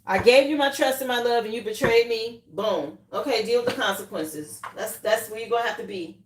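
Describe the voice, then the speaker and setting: A woman's voice: fairly high pitch, brisk, reverberant. A woman giving a live tarot reading, talking straight to her viewers with emphatic, repeated reassurances. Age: adult, mother of children. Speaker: tarot reader.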